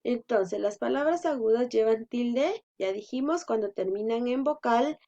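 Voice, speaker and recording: A woman's voice: a little high, animated, measured pace, dark tone. A woman teaching a class, explaining patiently and stretching out syllables to stress them. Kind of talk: slow explanatory lesson for children. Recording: dull lo-fi sound.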